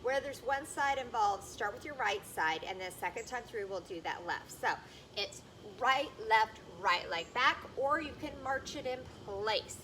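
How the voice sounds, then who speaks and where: A woman's voice: on the high side, lively intonation, a little slow, noisy background. A woman leading a workout as a fitness instructor, energetically calling out cues and counts.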